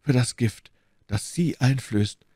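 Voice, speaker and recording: A man voicing a somber, brooding swordsman who speaks slowly and heavily. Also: medium pitch, warm tone, husky, dry recording, studio quality, pitched above the performer's own voice. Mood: grim. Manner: slow, heavy and grim.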